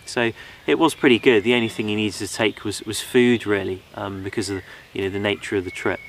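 A man's voice: fairly low pitch, steady tone, fairly quick, gravelly, fairly bright tone. A young man hosting a bushcraft channel, casually talking through his gear outdoors in a forest, rambling with many ums and you knows.

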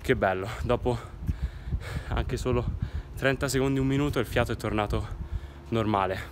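A man's voice: fairly low pitch, slight background noise. A young man in his twenties talking casually to viewers in a fitness vlog, filmed on a handheld phone. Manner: upbeat, addresses viewers directly. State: out of breath after running. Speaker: fitness vlogger. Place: parked car, then outdoors on a street, then a kitchen. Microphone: phone camera at arm's length.

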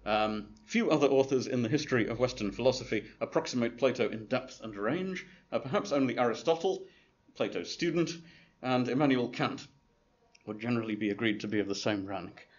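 Lecturing a class with slides, a brisk man with a mid-range voice rambles hesitantly, piling on ums and restarts with dry humor. The dull, lo-fi recording carries faint hiss and makes him sound distant and roomy, as if from across a hall.

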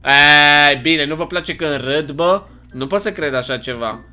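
A young man with a Romanian accent, chatty and jokey, giving casual commentary while playing a video game. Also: fairly high pitch. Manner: chatty, animated, jokey, often puzzled and exclaiming. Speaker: gaming YouTuber.

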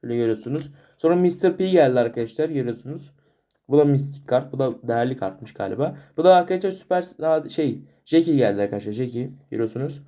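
A man's voice: mid-range voice, animated, fast talker, dark tone. A man vlogging in a casual chat to camera as he shows off his card collection. He keeps turning to address his viewers as friends and stumbles over names.

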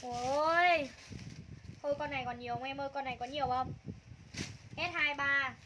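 A woman's voice: sits high, steady tone, normal speed, noisy background. A woman runs a live clothing sale, calling out prices and item codes over and over in a gushing sales patter. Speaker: livestream clothing seller.

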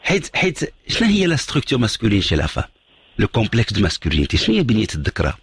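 Husky Moroccan man lecturing on radio. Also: on the low side, huge pitch swings, very fast. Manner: lecturing, mixes French phrases, emphatic repetition. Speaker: radio psychologist host. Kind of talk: call-in radio advice talk.

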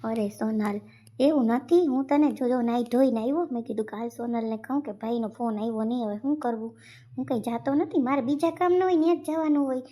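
A woman's voice: fairly high pitch, level tone, quick pace, mellow, natural voice. A woman voicing a young husband who defends himself and warns his wife. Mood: defensive. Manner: defensive, warning.

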